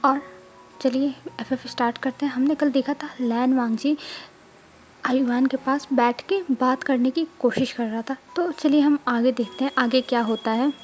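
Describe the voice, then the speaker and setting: A woman casually narrating a fanfiction story in a chatty, explanatory way, pausing often. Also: sits high, fairly even intonation, a little hiss or hum.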